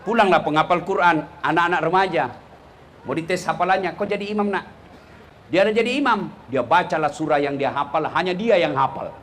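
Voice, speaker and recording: A man delivering a humorous sermon with an Indonesian accent, telling stories and shouting punchlines to a live audience. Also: on the high side, a little fast, a little hiss or hum. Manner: animated storytelling, shouting punchlines. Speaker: preacher.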